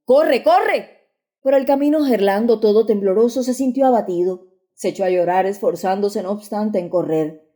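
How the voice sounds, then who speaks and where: Brief: woman audiobook narrator, mellow dark tone, measured literary reading. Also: medium pitch. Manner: measured, even storytelling.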